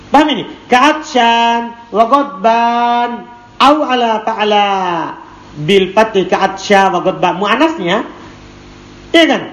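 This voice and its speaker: A man's voice: sits high, a bit bright. A man teaching a classroom lesson, reading a text aloud, translating it and quizzing his students with questions. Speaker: teacher of Arabic morphology. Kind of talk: classroom lesson with call-and-response. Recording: echoey room, faint background noise.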